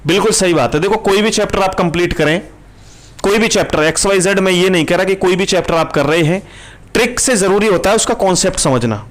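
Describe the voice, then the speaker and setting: Male tutor, fairly high voice, brisk live class, keeps asking students questions. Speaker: reasoning teacher.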